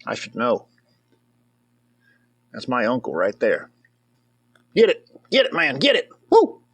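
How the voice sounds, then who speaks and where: A man's voice: medium pitch, wildly swooping pitch, a little slow, fairly bright tone, slightly rough, dry recording. A man giving casual, comedic commentary over a movie as a reviewer. He rambles, jokes, and breaks into whoops and cheers.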